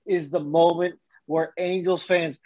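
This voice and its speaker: A man with a fairly high voice co-hosts a casual sports podcast, ranting energetically and cursing now and then. He speaks at a measured pace, and the recording has its high frequencies cut off.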